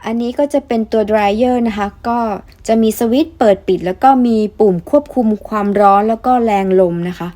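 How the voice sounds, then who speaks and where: A woman's voice: a little high, normal speed, hardly any pauses. A young woman chatting politely through a casual product review vlog, explaining each piece in turn. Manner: chatty, polite, frequent soft particles.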